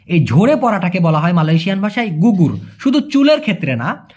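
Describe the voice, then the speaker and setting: Brief: husky-voiced male teacher, chatty, animated up-and-down delivery. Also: high voice, a little fast. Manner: chatty, explains with repeated questions and jokes. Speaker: language teacher. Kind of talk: casual language lesson.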